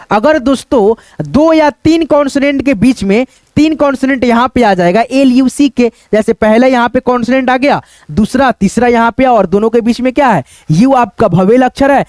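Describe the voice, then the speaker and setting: A man teaching English pronunciation, spelling words out letter by letter and then saying them slowly, with the same friendly filler phrases over and over. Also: very high-pitched, no echo. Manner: repetitive, keeps saying "okay friends" and "look here".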